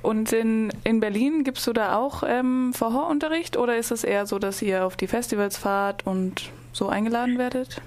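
A woman's voice: on the high side, normal speed, hardly any pauses, darkish tone. A woman hosting a radio show, welcoming a live guest and asking questions with frequent fillers. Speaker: radio host. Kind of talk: casual interview.

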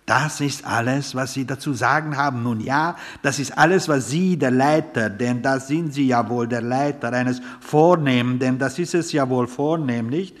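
A man's voice: medium pitch, a little slow, natural voice. A man voicing a pompous, theatrical middle-aged father with a Viennese accent, speaking in grandiloquent, blustering phrases. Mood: indignant bluster.

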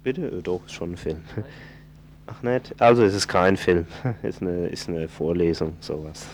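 A man from southwest Germany reads event listings on community radio in a loose, informal way, stumbling and correcting himself as he goes. His low-pitched voice is a little mellow and moves at normal speed, with slight background noise during these casual live announcements.

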